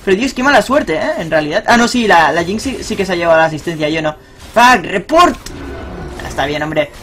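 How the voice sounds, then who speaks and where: A young man giving live, excitable commentary on his own ranked game, swearing and cheering at big plays. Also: on the high side, quick pace, soft background music. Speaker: gaming streamer.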